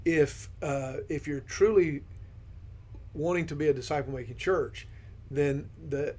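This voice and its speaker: A man on a ministry team who guides a podcast discussion, affirming his partner and posing questions in a steady manner. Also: on the high side, measured pace. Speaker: discipleship ministry team member leading the discussion.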